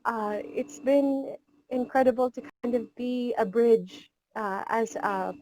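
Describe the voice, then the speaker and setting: A woman's voice: fairly high pitch, takes it slowly, mellow, slight background noise, rough recording. A woman in her twenties from Seattle, with an American accent, answering questions as a pageant contestant on a video call. She sounds earnest and upbeat, with a Filipino word here and there. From Seattle, United States. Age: 20s. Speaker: beauty pageant contestant guest. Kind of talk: casual online interview.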